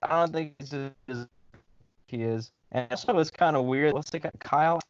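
A man co-hosting a sports podcast, chatting casually in halting, heavily profane bro slang. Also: on the high side, dull audio. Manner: slangy bro-talk, heavy swearing, halting.

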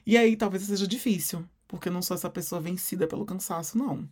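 A man with a Brazilian Portuguese accent co-hosting a podcast, telling stories in a lively way and acting out quotes. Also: high-pitched, fast. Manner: animated storyteller, acts out quotes. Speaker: podcast co-host. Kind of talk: casual chat.

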